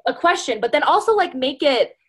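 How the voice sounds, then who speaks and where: A woman's voice: high-pitched, lively intonation, fairly quick. A woman giving a casual motivational talk to her sales team, chatty and full of "like" and "you know", often calling her listeners "you guys". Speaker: speaker training a sales team.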